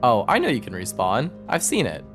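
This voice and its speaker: A smug schemer, played by a man talks with a lively, rising-and-falling voice, coaxing and reassuring in a storybook adventure. Soft music sits faintly behind him. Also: mid-range voice, fairly quick. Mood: smooth persuasive. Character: smooth-talking manipulative young man. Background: faint background music.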